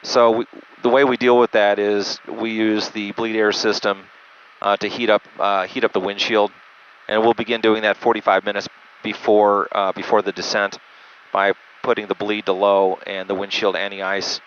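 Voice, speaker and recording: A male jet pilot with a low, even voice walks through procedures in an unscripted lesson, patient and methodical but halting. He speaks over the intercom on an aviation headset from a small jet cockpit in flight, so the audio is dull, muffled, band-limited, and carries engine noise.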